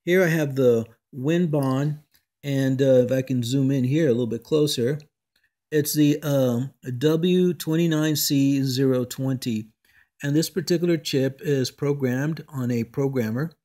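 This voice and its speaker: An electronics hobbyist gives an unscripted technical demo, explaining in a measured, halting way. His voice is medium-pitched and mellow.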